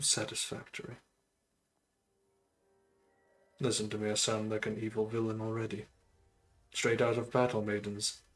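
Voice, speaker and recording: A man voicing an undead male sorcerer lord in a tabletop game, speaking in a measured, grandiose way. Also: lowish voice, fairly bright tone, low-quality recording. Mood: amused.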